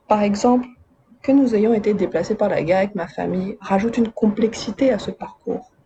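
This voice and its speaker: This video essayist talks to her viewers casually, dropping chatty, wry, slangy asides; she's from Madagascar and grew up in Côte d'Ivoire and France. She speaks fairly quickly in a mellow, mid-range voice. The highs are cut off, and there's slight background noise.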